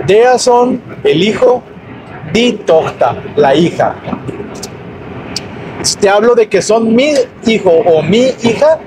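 Slow high-voiced Mexican man teaching from a car. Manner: patient, repeats each word in both languages. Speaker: language teacher. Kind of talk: casual spoken lesson while driving. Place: inside a car on a highway. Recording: car interior with road noise. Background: road and engine noise.

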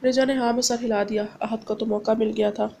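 A woman reads a romance novel aloud in an even, steady delivery. Her voice sits somewhat high and barely moves in pitch. A faint hum of noise runs underneath. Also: fairly quick, vocal fry. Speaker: audiobook narrator. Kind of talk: novel reading.

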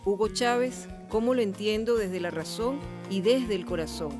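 A middle-aged woman with a Venezuelan accent presenting a book programme in an earnest, measured way. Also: medium pitch. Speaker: TV host. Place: TV studio. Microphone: lapel mic. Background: music.

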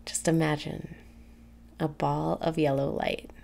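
A young woman leading a guided meditation in a soft, soothing, breathy way, leaving pauses between phrases. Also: low-pitched, little pitch movement. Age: young adult. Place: small room indoors.

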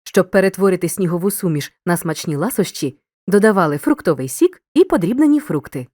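A woman narrating a scripted grammar lesson as a teacher, giving clear instructions and speaking straight to the learner. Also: on the low side, animated, a little fast, darkish tone, no room sound, clean studio sound. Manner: clear didactic instruction, addresses the learner directly.

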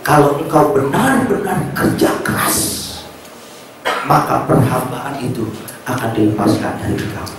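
A preacher voicing Isaac, an old blind father, speaking low, soft and slow. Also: expressive, creaky, noisy background. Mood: weary. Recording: echoey church hall, distant mic.

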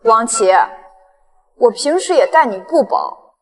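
A woman's voice: a little high, expressive, unhurried. An actress playing a betrayed, indignant young company chairwoman in a short drama, stern and defiant. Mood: hurt, indignant. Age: young adult. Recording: long hall-like reverb.

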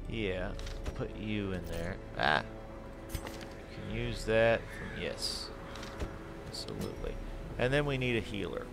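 A man giving casual gameplay commentary, reading item text aloud and thinking out loud as he sorts his party. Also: fairly low pitch, big pitch swings, slow pace, creaky, long pauses, over music. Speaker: gaming channel host.

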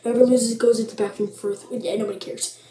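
A woman's voice: fairly high pitch, fairly even intonation, fast talker, dark tone. A young woman vlogging casually, chatty and full of fillers, with mock-scared asides. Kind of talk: casual vlog chat. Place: bathroom at home. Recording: echoey room.

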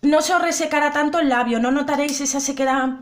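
A woman's voice: high voice, quick pace. A young woman chatting casually to her viewers through a makeup tutorial, often repeating and asking if they see. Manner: chatty, addresses viewers directly, repeats herself. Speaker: beauty vlogger.

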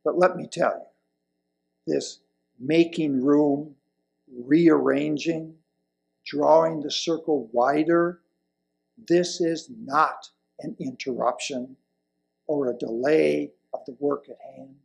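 An elderly man, around his 70s or 80s, reads a sermon as a lay presenter from a wooden lectern in a church hall, recorded on a lapel mic. His voice is fairly high for a man, with a marked creak and a steady, darkish tone. He speaks slowly and deliberately, stressing key words and pausing between them.

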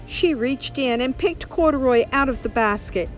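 A middle-aged woman reading a children's picture book aloud in an expressive, dramatic way, stretching key words. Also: high voice, moderate pace, soft background music. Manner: animated, dramatic stretched words and character voices. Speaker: storybook reader.

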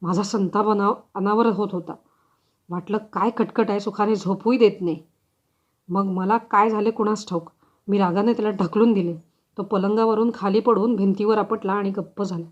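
A woman voicing a frightened, guilt-stricken young mother confessing in halting words, on a slightly dull recording. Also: mid-range voice, fairly even intonation, a little mellow, lightly acted.

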